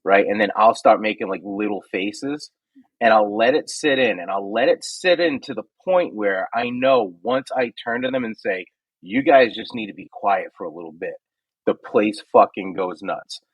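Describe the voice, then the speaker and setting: A man's voice: fairly low pitch, moderate pace, slightly rough, no echo, rough recording. A man who is a comedian hosting a podcast, telling stage stories in casual chat and acting out crowd exchanges, with frequent swearing. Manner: animated storytelling, swearing, acts out crowd exchanges.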